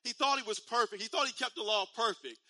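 Man in his 30s, sermon, high voice, very bright tone, dry close sound, casual slang, repeats phrases. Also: fast, dry recording. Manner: conversational preaching, repeats phrases, rising to shouts. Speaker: pastor.

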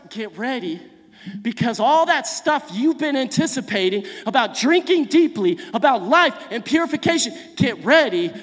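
A man in his thirties preaching a sermon, swinging between loud calls and quiet asides, often repeating words and asking the congregation questions. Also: extremely high pitch. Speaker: pastor. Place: church hall. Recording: long church hall reverb.

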